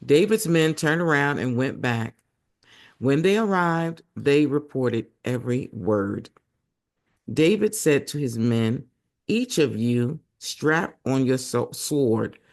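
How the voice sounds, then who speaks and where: A hoarse man whose voice is giving out reads the Bible aloud as host, breaking off to chat with his viewers. He speaks slowly, with medium pitch and lively intonation.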